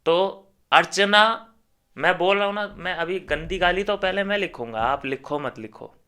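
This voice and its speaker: A man's voice: high-pitched, normal speed, pushed and bright, clear, resonant tone. A man commentating on a reality show, ranting heatedly and scornfully straight at his viewers.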